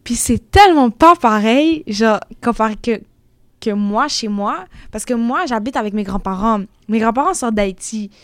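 A woman's voice: on the high side, animated, normal speed, a bit bright, no room sound, clean studio sound. A young woman, talking animatedly in a casual discussion, laughing often and full of fillers. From Quebec. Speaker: panel guest.

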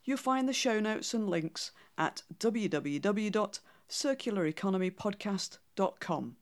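A woman with a Yorkshire accent and noticeably flat vowels hosts a podcast. She speaks at a middling pitch, moving between prepared introduction and interview questions. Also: a little slow. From Yorkshire, England. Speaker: podcast host.

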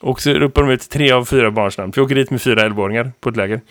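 A man in his thirties, a teacher co-hosting a podcast, who tells stories in a lively, rambling way full of fillers. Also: mid-range voice, dry recording, studio quality. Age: 30s. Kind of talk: casual podcast chat.

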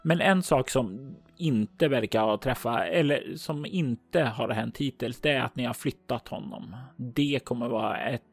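A man acts as game master for a tabletop role-playing game, calmly and deliberately describing scenes and asking for dice rolls. His voice is medium in pitch with a breathy edge.

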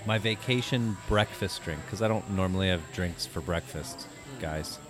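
A man's voice: deep voice, moderate pace, over music. A man co-hosting a podcast in casual chat, wry and teasing. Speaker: podcast co-host.

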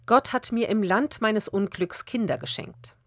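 A woman reading a Bible passage aloud as a measured audiobook narration, slowing down for the quoted speech. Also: medium pitch, lively intonation, dry recording, studio quality. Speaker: Bible reader.

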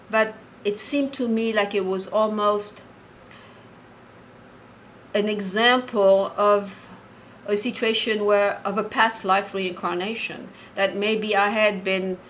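An earnest woman in her sixties, born and raised in Morocco, calls in to share a personal story. She speaks at a middle pitch, stops and restarts her sentences often, and a faint noise sits under her voice. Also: fairly bright tone, low-quality recording. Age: 60s. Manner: earnest and halting, with frequent restarts. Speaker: caller. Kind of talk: personal story told on a call-in show.

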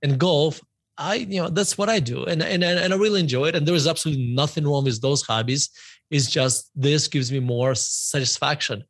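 A man's voice: a little high, brisk, no echo. A middle-aged man from Russia, a native Russian speaker, talking as a guest author in a podcast interview, rambling and often correcting himself. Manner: rambling, self-correcting, repeats words.

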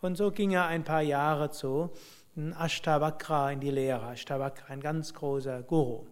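A man telling a spiritual story and drawing lessons from it, in a reflective, unhurried way with musing hums. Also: on the high side, fairly even intonation, smooth. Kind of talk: spoken storytelling and teaching.

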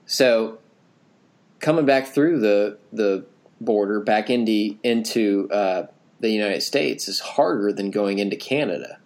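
Brief: man, 30s, slightly low voice, casual co-host, rambling storyteller with many restarts. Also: measured pace. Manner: rambling, self-correcting anecdote teller. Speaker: podcast co-host.

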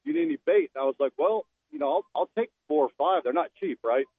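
A man's voice: fairly high pitch, fast talker, vocal fry, dry recording. A man calling in on a speakerphone from a car, casually telling a fishing story. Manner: relaxed storytelling, laughing. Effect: phone speaker call. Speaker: guest caller. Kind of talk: casual chat. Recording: tinny phone line, dry.

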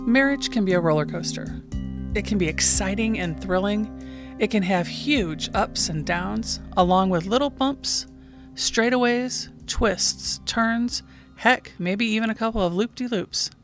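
A woman, a 911 dispatcher who hosts her own podcast, calmly narrating a true call in scripted form. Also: mid-range voice, measured pace, music in the background.

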